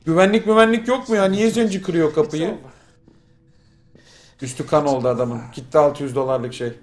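A man from Turkey giving casual, crude, excitable commentary over a game he is playing, often shouting at it. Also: fairly high pitch, normal speed, slight background noise. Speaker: gamer streaming a playthrough. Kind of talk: casual Let's Play commentary. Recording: game music playing underneath.

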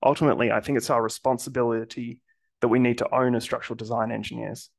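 A New man speaks on a construction panel with a gravelly, creaky edge to his voice. He delivers his prepared points in a measured, even way, set at a middle pitch. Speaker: structural engineer panelist.

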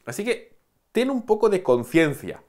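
A man's voice: high voice, very animated, a little slow, darkish tone. A man explaining a grammar lesson in a chatty way, asking the listener "¿no?" again and again and chuckling now and then. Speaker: Japanese teacher. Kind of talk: lively classroom explanation.

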